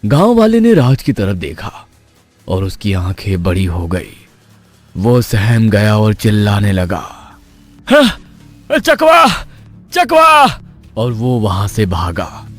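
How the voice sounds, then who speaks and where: A man narrating an animated horror story in a hushed, suspenseful way. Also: fairly low pitch.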